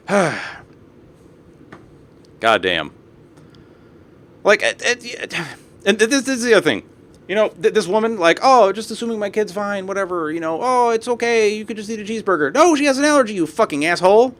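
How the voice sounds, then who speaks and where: A young man streaming live has a high, bright voice with big pitch swings, speaking at normal speed and pausing often. He reads posts aloud and rants about them, swearing plenty and tossing in asides.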